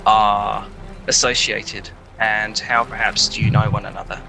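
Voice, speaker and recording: A man's voice: lowish voice, level tone, unhurried, vocal fry, music in the background, poor audio. A man narrating a tabletop game as game master, with hesitant, filler-heavy speech.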